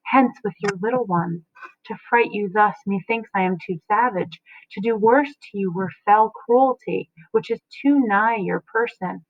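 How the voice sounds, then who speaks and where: A woman reading the lines of a hurried, humble male messenger giving a warning. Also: mid-range voice, dry recording. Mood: urgent. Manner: urgent warning. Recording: tinny phone-like dry sound.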